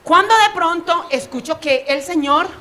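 A young Colombian woman tells a stand-up story in a high voice. She acts out the other people's voices with animated energy and laughs along as she goes. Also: measured pace. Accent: Colombian Spanish. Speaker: stand-up comedian.

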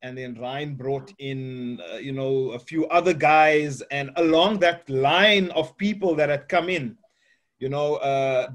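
A man hosting an interview over a video call from his home office, chatty and full of "uh, you know". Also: a little high. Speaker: host. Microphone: webcam on video call.

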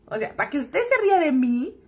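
A woman talks straight to camera in a high voice. She tells her story frankly and swears freely. She jokes her way through it. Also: sing-song, brisk, a little mellow. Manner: joking, frank and crude-spoken. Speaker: vlogger.

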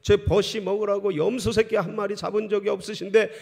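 A male pastor acting out a resentful elder son who complains loudly and accuses his father. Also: high voice, fairly even intonation, normal speed, gravelly, voice pushed up. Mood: aggrieved. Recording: long church hall reverb.

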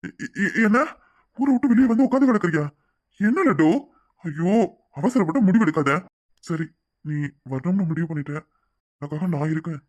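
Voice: medium pitch, normal speed, pauses often, no echo, close to an everyday voice. A performer voicing a scheming male lover in a cartoon who sweet-talks for money, with a Tirunelveli Tamil accent. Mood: coaxing. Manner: coaxing, sweet-talking. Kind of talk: cartoon voice acting.

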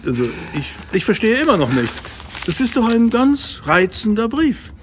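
An earnest Victorian doctor in an audio drama. His voice sits a little high. He sounds good-natured and easily flustered, with some light ambience behind him. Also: sing-song, moderate pace, noisy background. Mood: flustered, protesting. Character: good-natured, flustered gentleman doctor, detective's loyal friend. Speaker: narrator and actor in an audio drama. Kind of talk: German radio-play acting.

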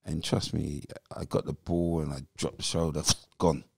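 A man, a podcast guest telling his story in a lively, animated way. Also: extremely low pitch, moderate pace, creaky, husky, no echo, studio quality. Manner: animated storyteller who acts out voices. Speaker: podcast guest, former footballer. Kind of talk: casual interview storytelling.

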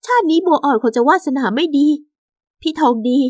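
A woman's voice: sits high, expressive, quick pace, no echo, clean studio sound, pitched above the performer's own voice. A woman voicing a clever, hardworking young village wife in a radio story, speaking in an indignant, pleading way. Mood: hurt.

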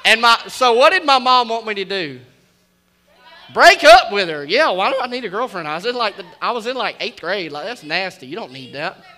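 A young man preaches to a kids' service in a loose, slangy way, tossing in goofy sound effects. His voice sits fairly high and comes across bright and forceful. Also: expressive, brisk, hardly any pauses. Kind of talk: youth sermon.

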